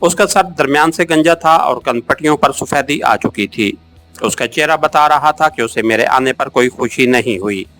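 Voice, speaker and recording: A man narrating a first-person adventure novel as an audiobook, in a steady, measured storytelling manner. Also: mid-range voice.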